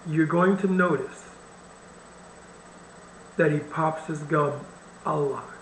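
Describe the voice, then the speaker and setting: A man's voice: on the high side, a bit bright, reverberant, slight background noise, rough recording. A man hosting a reaction video, commenting bluntly and with wry irritation on the clip he plays. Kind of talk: casual commentary over a played video.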